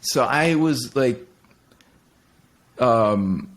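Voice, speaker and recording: Extremely slow and expressive, a middle-aged man from Denmark with a mid-range voice talks candidly as an interview guest. He reflects on his life in a personal conversation, frequently restarting and using fillers.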